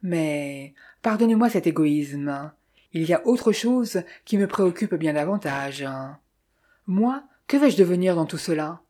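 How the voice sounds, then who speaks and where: A woman's voice: lowish voice, lively intonation, measured pace, mellow. A woman reading as a worried young clerk. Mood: rueful. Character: young male clerk, worried amateur detective. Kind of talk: audiobook dialogue reading.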